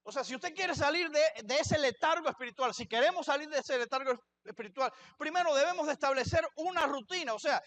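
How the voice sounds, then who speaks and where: High-voiced man preaching a sermon. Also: expressive, a little fast, a bit bright. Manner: preaching, asks the congregation questions and answers them. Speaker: pastor. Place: church.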